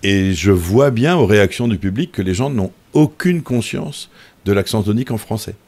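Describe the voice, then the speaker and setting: A man's voice: on the low side, moderate pace. A man, a composer and choir leader, talking casually and animatedly, sometimes singing short example phrases. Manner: animated explainer who sings example phrases. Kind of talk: casual conversation.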